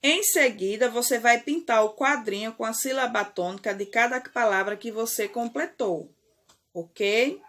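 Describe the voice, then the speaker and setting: Brazilian woman primary teacher, unhurried, drawn-out words, keeps checking the kids follow. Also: fairly high pitch, fairly bright tone. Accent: Brazilian Portuguese. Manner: slow, deliberate, stretches key words, frequent "certo?" and "ok?". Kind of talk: remote classroom lesson.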